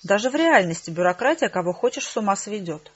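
A woman with a husky voice narrating a first-person audiobook in a dry, wry manner. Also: medium pitch, animated, fast talker. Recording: slightly dull lo-fi recording.

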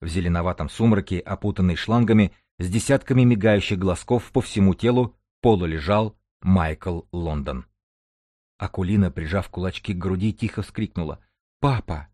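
A man narrating an audiobook in a measured storytelling manner. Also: low voice, mellow, no echo, clean studio sound. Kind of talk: scripted narration.

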